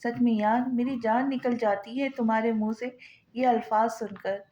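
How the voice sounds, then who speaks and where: A woman's voice: fairly high pitch, fairly even intonation, normal speed, mellow, highs cut off, natural voice. A woman voicing a cruel, taunting young husband who mocks with false tenderness, read in her own voice from a novel. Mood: mocking.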